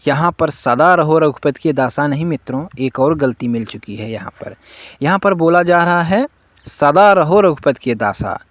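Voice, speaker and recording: A man explains the correct words of a devotional hymn to his listeners and chants its verses slowly. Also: fairly high pitch, no echo. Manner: addresses listeners as friends, corrects pronunciation patiently; slow chanting recitation. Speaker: devotional channel presenter.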